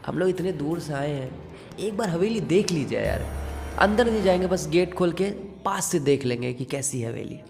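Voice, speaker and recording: Man voicing a soft-spoken, eager young man. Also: fairly high pitch, lively intonation, moderate pace, gravelly, a little hiss or hum. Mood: persuading. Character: eager young man hoping to find treasure. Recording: long reverb with background music.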